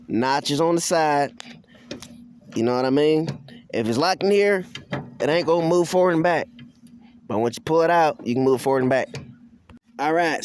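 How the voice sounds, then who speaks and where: A man's voice: a little high, darkish tone. A man giving a casual hands-on tutorial as an instructor, in folksy, colloquial country phrasing, patiently repeating each instruction step by step. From rural area. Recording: clear background noise, outdoor ambience.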